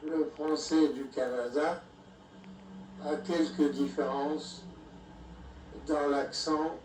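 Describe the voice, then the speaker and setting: A man narrating a language lesson in a measured, deliberate way, even reading the punctuation out loud. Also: fairly high pitch. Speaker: language lecturer. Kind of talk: slow scripted narration. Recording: echoey room, distant mic, faint background noise.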